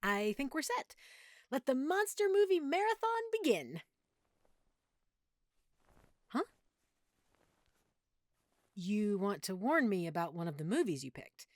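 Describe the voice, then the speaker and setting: A woman acts out a fond, strong-minded girlfriend with nerdy tendencies in an audio roleplay, her voice rising and falling lively as she fussily, playfully explains something. It starts cozy and affectionate, then turns teasing and fond. Dry and intimate, the audio feels like hearing one partner's half of a conversation.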